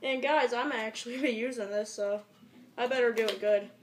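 Recorded on a camera mic in a cramped bedroom, this amateur home clip is echoey and full of noise. The speaker, a young teen who makes amateur videos, mutters and swears while casually rambling through an off-the-cuff tutorial vlog. His mid-range voice stays steady at a normal speed.

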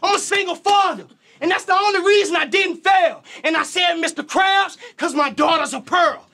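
A man with a Southern US country accent performing aggressive battle rap, shouting his bars at a live event. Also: extremely high pitch, normal speed, creaky. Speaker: battle rapper.

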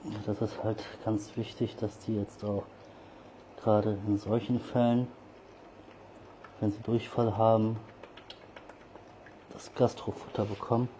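A cat feeder and channel host chats casually with street cats while feeding them outdoors, coaxing and scolding them and switching to a rising, sing-song voice when he calls them over. His fairly low voice is level and a little slow, with long pauses, against a noisy background.

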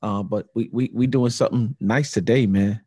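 A man co-hosting a podcast in casual chat, relaxed and slangy, often dropping "you know what I'm saying.". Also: on the low side, moderate pace, breathy edge, no echo, studio quality. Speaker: podcast co-host.

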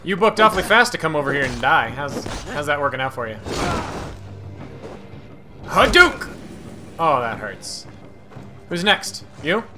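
Excitable man swearing at a game. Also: a little high, normal speed. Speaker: gaming streamer. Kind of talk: casual gameplay commentary. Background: game audio and music.

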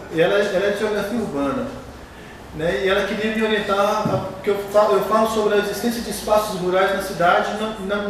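High-voiced professor in a boomy hall. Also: male voice. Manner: halting, many restarts. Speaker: professor, panelist. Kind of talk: academic discussion. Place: large lecture hall. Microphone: handheld mic. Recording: echoey hall, distant noisy mic.

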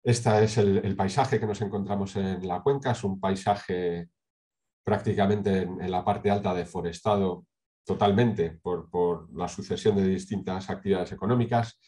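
A middle-aged man from Spain presenting a project over a video call, speaking in a measured way with many hesitations and tag questions. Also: sits low, steady tone, dark tone. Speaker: sustainability consultant presenting a project. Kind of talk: online conference talk with slides. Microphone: webcam on a video call.

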